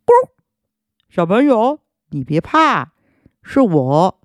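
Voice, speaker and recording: Woman doing a raspy, boastful old owl. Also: medium pitch, sing-song, takes it slowly, dry recording, studio quality. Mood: kindly knowing. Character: wise old male owl, a bit boastful.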